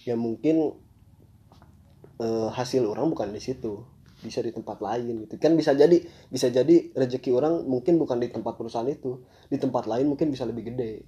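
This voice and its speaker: A man's voice: mid-range voice, fairly quick, warm tone, lo-fi sound. A man with a Sundanese-tinged Indonesian accent chatting casually as a guest, rambling and hesitant. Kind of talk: casual chat.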